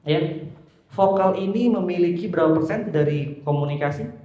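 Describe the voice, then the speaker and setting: A man's voice: sits high, mellow. A young man teaching public speaking to a class, playful and teasing as he quizzes his students. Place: large echoey room with an audience. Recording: echoey hall, muffled sound.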